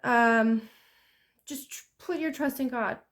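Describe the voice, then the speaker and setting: A woman's voice: fairly high pitch, slow. Chatty woman reading tarot. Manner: rambling, chatty, self-deprecating. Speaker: tarot reader.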